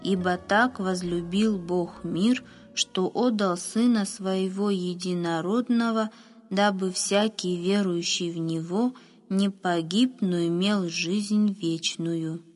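Storybook stable groom, male, slow and measured, husky; woman reader voicing him. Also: fairly low pitch, fairly even intonation, long reverb tail, soft background music. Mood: solemn. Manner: slow, measured reading of scripture. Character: plain-spoken adult male stable groom, slow and thoughtful. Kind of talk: storybook reading.

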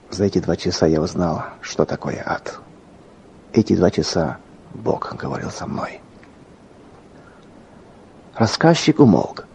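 A man narrating a scripted story in an earnest, dramatic way, sometimes dropping to a hush. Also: low-pitched. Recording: dull lo-fi recording.

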